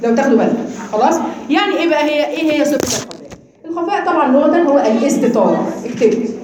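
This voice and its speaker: A woman with an Egyptian Arabic accent teaching a live class, explaining quickly and quizzing her students. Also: sits high, expressive, crowd noise. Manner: explains then demonstrates sounds slowly, quizzing students. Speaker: Quran recitation teacher. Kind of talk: live class lecture on tajweed. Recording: very echoey room with people around.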